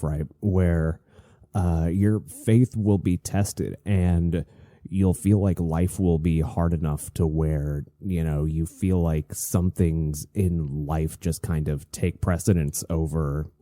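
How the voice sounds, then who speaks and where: Very dark, low-voiced man, talking casually. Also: dry recording, studio quality. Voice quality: slightly stuffy. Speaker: host of a solo online show. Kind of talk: casual, confessional monologue.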